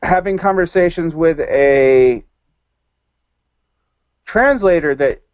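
A man's voice: a little high, takes it slowly, clear, resonant tone, no room sound, lo-fi sound. A man guesting on a podcast, chatting casually about a film in a rambling way, full of restarts and self-corrections.

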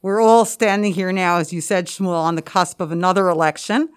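A woman's voice: fairly low pitch, fairly even intonation, brisk, clean tone. Articulate American woman, slightly mask-muffled. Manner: articulate, rhetorical questions, emphatic phrasing. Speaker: interview guest, school administrator and researcher. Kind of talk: explanatory interview answers. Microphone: podcast microphone, through a face mask.

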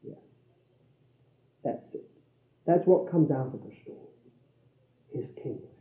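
A man preaching a sermon, swinging between loud declarations and hushed low phrases and repeating lines for emphasis. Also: expressive, slow pace. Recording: tinny, echoey old hall recording.

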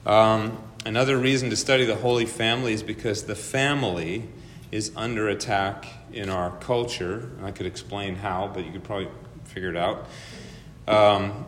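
A man teaching an adult church class and leading a prayer, often repeating words as he thinks, his voice echoing through a large church hall. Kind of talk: lecture with opening prayer. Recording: echoey hall reverb with faint rumble.

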